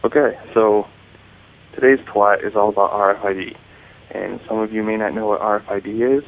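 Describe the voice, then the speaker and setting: American guy hosting a tech show, kinda low voice, casual explaining, sounds like over a phone. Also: fairly even intonation, a little fast, gravelly. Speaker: host of a tech radio show. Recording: tinny phone-like audio, faint hiss.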